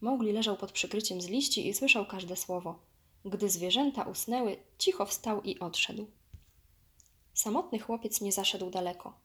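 Female narrator, mid-pitched, lively children's story reading. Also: moderate pace.

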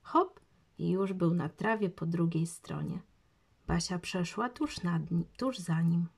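Slow gravelly woman reading a children's story. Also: lowish voice, darkish tone. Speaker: narrator.

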